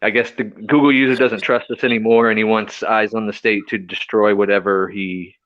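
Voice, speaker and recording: A man's voice: on the low side, steady tone, a little fast, a bit bright, muffled recording. A man on a livestream panel explaining things hesitantly, with many uh fillers. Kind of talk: casual group chat.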